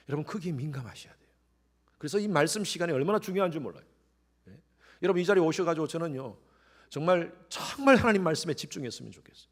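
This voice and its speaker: A middle-aged male pastor preaching a sermon, swinging between quiet, intimate lines and sudden loud rises, and acting out the voices he quotes. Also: mid-range voice. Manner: acts out quoted voices with animated shifts.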